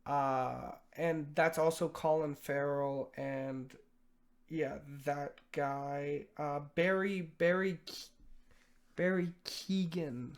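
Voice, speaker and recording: A young man giving a casual spoken film review, hesitant, with lots of pauses and restarts. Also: a little high, steady tone. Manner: hesitant, many fillers and restarts.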